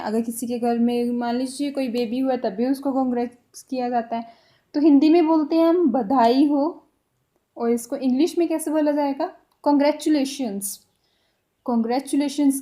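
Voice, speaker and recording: A young woman teaching a spoken language lesson, repeating each example phrase slowly and deliberately. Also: high-pitched, mellow.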